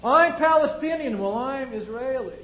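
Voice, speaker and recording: A man's voice: very high-pitched, expressive, normal speed, a bit bright, roomy sound, rough recording. A man preaching a sermon, building his point through strings of rhetorical questions.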